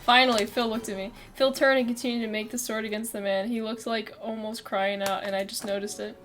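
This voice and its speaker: Woman streamer reading a game out loud, kinda high voice, cracks up and swears a lot, faint music behind. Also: level tone, brisk. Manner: reads dialogue aloud, laughing and swearing between lines. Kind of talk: casual reading of a visual novel with commentary.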